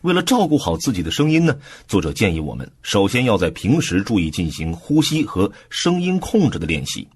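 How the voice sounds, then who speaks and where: Male audiobook explainer, very breathy and husky, lively, easygoing delivery. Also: lowish voice, brisk, few pauses. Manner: relaxed explanatory, with soft filler particles. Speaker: audiobook book-summary narrator. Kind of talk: conversational book explanation.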